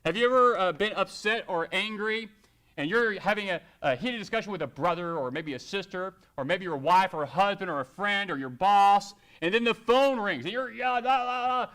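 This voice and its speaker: Bright, clear-voiced male preacher. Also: high voice, lively intonation. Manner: conversational preaching, quoting scripture slowly and acting out everyday scenes. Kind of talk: sermon.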